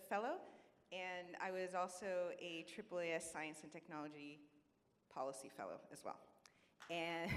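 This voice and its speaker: A woman from El Salvador, a nonprofit deputy director, introducing herself with friendly hesitation. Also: fairly low pitch. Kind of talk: self-introduction. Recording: hall reverb.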